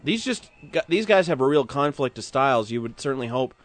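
A man serves as a wrestling commentator and analyst, explaining things conversationally. His pitch is medium for a man, and the sound is dry with no room around it. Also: expressive, a little fast, no room sound.

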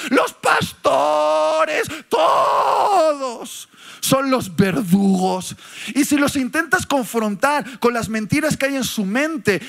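A male preacher delivers a fiery sermon. His voice sits very high and carries a gravelly edge, and he swings between quick explanation and slow shouted emphasis. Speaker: pastor.

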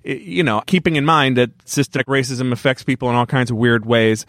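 A man's voice: mid-range voice, steady tone, a little fast, fairly bright tone, no echo, clean studio sound. A man co-hosting a casual podcast conversation about awards, talking candidly with self-aware asides. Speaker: podcast host. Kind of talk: casual chat.

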